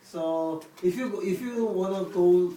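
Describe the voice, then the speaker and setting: A man casually explaining words to the camera, speaking haltingly with restarts and non-native phrasing. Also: high voice, warm tone. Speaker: vlog host explaining words. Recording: echoey room from a distance, faint noise.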